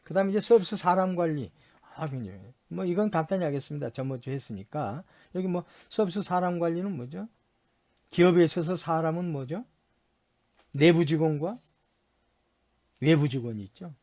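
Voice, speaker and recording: A man's voice: a little high, animated, normal speed, a little mellow. A male university lecturer reviewing course material, repeating and spelling out key terms and answering his own questions. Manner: repetitive, drills key terms, spells them out; mixes English terms into explanations.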